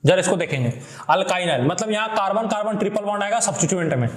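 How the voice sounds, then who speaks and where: High-voiced male teacher, echoey room. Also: lively intonation, racing. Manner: repetitive call-and-response questioning; affectionate addressing of students. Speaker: chemistry teacher. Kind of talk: classroom lecture.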